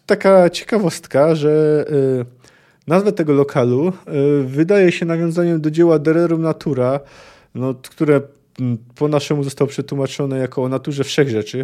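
Man, podcast host, book discussion, hesitant, filler-heavy, mellow dark voice. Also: a little high. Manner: hesitant, many fillers, thinking aloud.

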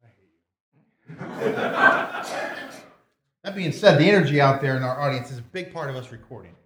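A mid-range, lively-sounding man keeps a moderate pace as he trades hammy, teasing jokes while co-hosting a podcast's live comedy variety show. The setting is a comic shop stage, and the echoey recording picks up background noise, music, and the crowd.

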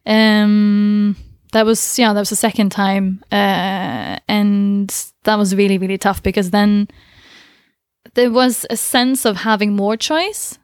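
A woman's voice: mid-range voice, takes it slowly, no room sound, studio quality. A woman guest in a conversational interview, speaking thoughtfully and hesitantly with frequent fillers and laughs. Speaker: interview guest, long-distance cyclist.

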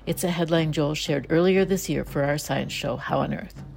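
Low, very creaky American woman reading science news. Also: moderate pace, a little mellow. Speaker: science show host and volunteer reporter. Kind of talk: scripted science news narration.

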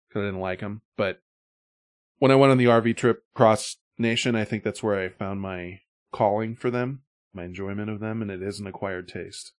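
A middle-aged man hosting a podcast, chatting casually in a rambling, profane way. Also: fairly low pitch. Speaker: podcast host. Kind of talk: casual chat.

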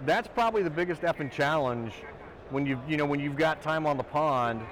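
Outdoors at a trade show booth, a podcast host with a fairly high, somewhat bright voice rambles briskly through his interview questions, swearing casually. The audio quality is poor.

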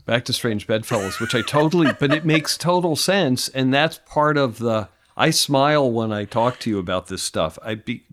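A man's voice: medium pitch, fairly bright tone. Affirming male podcast host. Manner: affirming, eager, often backchannels. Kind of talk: casual podcast interview.

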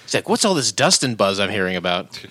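Man, podcast co-host, teasing banter, fast pace. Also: lowish voice, very animated, bright, forceful tone. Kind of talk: casual chat.

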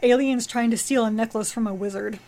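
A woman's voice: on the high side, a little fast, darkish tone, soft background music. A woman co-hosting a casual comics podcast, rambling through plot recaps with fillers and restarts. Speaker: podcast co-host.

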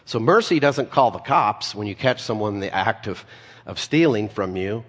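Pastor preaching in a reverberant hall. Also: male voice, lowish voice, lively intonation, moderate pace. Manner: conversational, storytelling with asides. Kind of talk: sermon.

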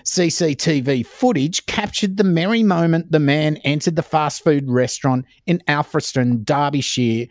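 A man's voice: on the high side, moderate pace, hardly any pauses, no room sound. A man podcast co-host, reading comic stories in a dry, teasing way. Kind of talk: comedic story reading.

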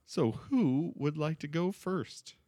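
A man's voice: on the high side, takes it slowly, warm tone, no room sound. A man hosting a casual comedy podcast, talking in a playful, exclamatory way. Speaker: podcast host.

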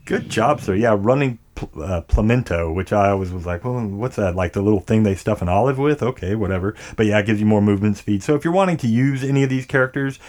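A podcast host with a lowish, slightly mellow voice talks fast with few pauses in a casual video game chat. He swears freely, and his speech is slightly impeded after dental work.

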